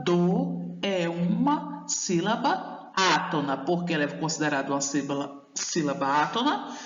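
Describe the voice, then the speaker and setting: A Brazilian Portuguese woman teacher speaks very slowly and deliberately, stretching each word out for young pupils. Her voice carries a long, echoing room reverb, and the sound is dull and muffled. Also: lowish voice. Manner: slow, deliberate, sounding out words one by one; affectionate toward young pupils. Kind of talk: recorded primary-school video lesson. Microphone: voice-over off camera.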